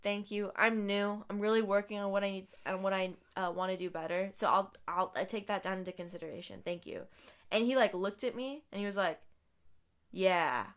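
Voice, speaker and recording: A young woman co-hosting a podcast, chatting casually and telling work stories, acting out what people said and trailing off softly at times. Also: medium pitch, fairly even intonation, fairly quick. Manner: storytelling, acts out quotes, trails off softly. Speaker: podcast co-host. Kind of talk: casual chat.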